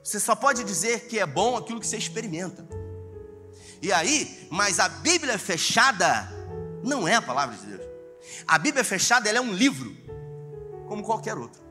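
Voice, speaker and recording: A man preaching a sermon as pastor, swinging between loud, emphatic lines and hushed asides. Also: high voice, big pitch swings, moderate pace, long pauses, soft background music.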